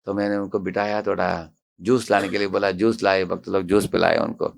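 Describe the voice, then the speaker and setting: A monk who serves as temple president gives a devotional storytelling lecture in a low, creaky, fairly quick voice. He's animated, acting out the dialogue and posing questions to his audience.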